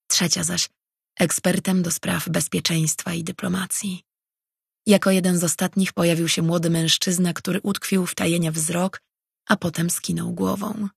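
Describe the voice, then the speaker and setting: An audiobook narrator reads steadily and evenly. The voice is strongly gravelly and husky, recorded dry and close. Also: mid-range voice, no room sound. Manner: even, steady reading. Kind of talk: scripted fantasy narration.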